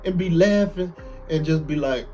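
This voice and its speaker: A man's voice: a little high, normal speed, soft background music. Slangy man telling prison stories. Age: late 30s. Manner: animated, slangy, repeats lines for emphasis. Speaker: former prisoner telling his story. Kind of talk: casual storytelling to camera.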